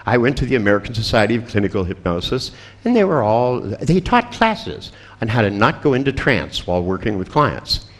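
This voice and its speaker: A man's voice: mid-range voice, very animated, brisk. An older man giving a seminar talk, telling stories in a wry, sardonic way with profane asides. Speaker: seminar presenter. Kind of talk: storytelling lecture.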